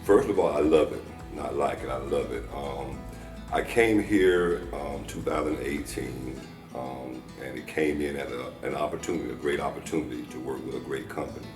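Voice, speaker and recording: A man's voice: rumbling low, moderate pace, darkish tone. A man, a fabrication manager, talking eagerly with many ums about his job in an employee interview. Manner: enthusiastic, grateful, many ums. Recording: roomy, distant mic, music behind.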